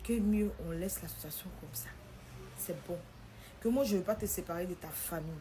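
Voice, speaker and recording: Young woman telling her own story, animated, acts out what people said. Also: lowish voice, fairly quick, a little hiss or hum. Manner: lively retelling, acting out quotes. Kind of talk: personal storytelling.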